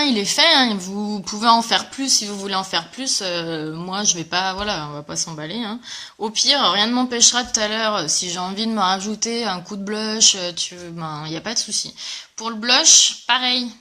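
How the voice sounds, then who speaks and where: A woman with a sharp, medium-pitched voice leads a relaxed live makeup demo. Bubbly and talkative, she welcomes her viewers as she works and leans on lots of filler words.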